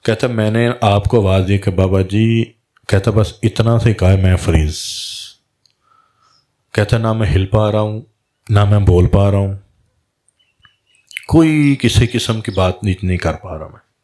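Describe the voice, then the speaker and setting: A man's voice: on the low side, long pauses, mellow. A man, a Sufi spiritual guide, telling a story in a religious talk and acting out the dialogue in quoted voices.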